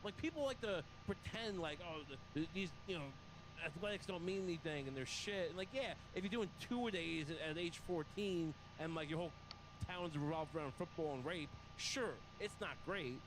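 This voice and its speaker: A man's voice: fairly high pitch, expressive, normal speed, background noise. A middle-aged man in casual comedic chat, talking in a rambling, self-deprecating way.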